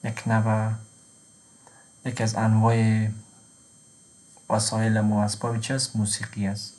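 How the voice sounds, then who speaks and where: A man with an Afghan Dari accent, teaching a slow language lesson who says each example word twice and then translates it. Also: on the low side, monotone, a little mellow.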